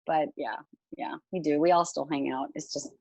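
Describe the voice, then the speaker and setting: A woman's voice: deep voice, steady tone, moderate pace, vocal fry, a little mellow, no room sound, poor audio. A woman in her forties, a musical theatre actress, chatting casually over a video call and rambling with lots of fillers. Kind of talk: casual Q&A chat.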